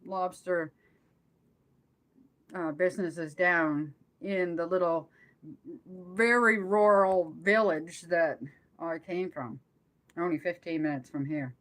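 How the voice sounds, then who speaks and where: A woman's voice: lowish voice, steady tone, rough recording. Older-ish lady just chatting on her livestream, takes her time, kinda rambly, loses her train of thought. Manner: rambling and halting, trailing off mid-thought. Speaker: live stream host chatting with viewers. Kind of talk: casual chat on a live stream.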